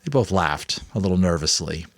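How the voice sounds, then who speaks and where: Reading at a moderate pace in a low-pitched voice, this amateur audiobook narrator performs a book with expression and slips in casual asides. The sound is clean studio quality with no echo.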